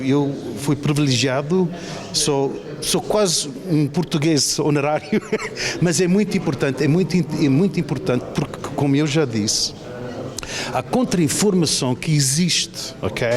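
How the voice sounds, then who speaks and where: A higher-voiced man born in Toronto, Canada, gives spontaneous interview answers as a television producer. He's emphatic and repetitive, searching haltingly for words, while a crowd of people chatters busily around him.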